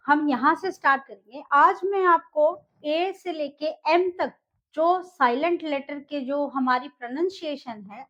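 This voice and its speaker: A woman's voice: high voice, fairly bright tone. A woman teacher explaining English pronunciation in a video lesson, mixing in English phrases and often checking in with "okay". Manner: repeats words and checks in with "ok" and "dekhiye"; mixes Hindi with English phrases. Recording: slightly dull lo-fi audio.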